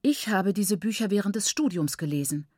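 A woman's voice: medium pitch, expressive, darkish tone, slightly rough, dry recording, clean studio sound. A woman reading a proper mother who chats on about manners and scolds her daughter in a falsely cheerful tone. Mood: scolding. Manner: brisk, admonishing, falsely cheerful.

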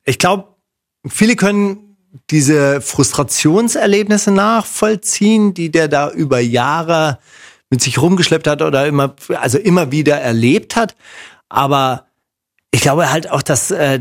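A man hosting a casual discussion, telling lively anecdotes and acting out quotes. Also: fairly high pitch. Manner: lively storyteller, acts out quotes. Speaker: host.

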